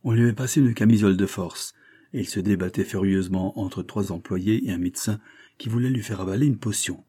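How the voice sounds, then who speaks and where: A man reading a classic novel aloud as audiobook narrator, measured storytelling. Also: fairly low pitch, warm tone, husky.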